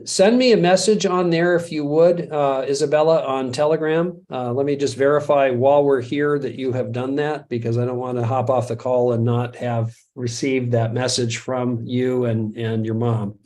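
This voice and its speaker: With a mellow, medium-pitched voice, a middle-aged man from the United States hosts a live webinar. His style is easygoing and talkative, full of self-mocking humor and frequent chuckles.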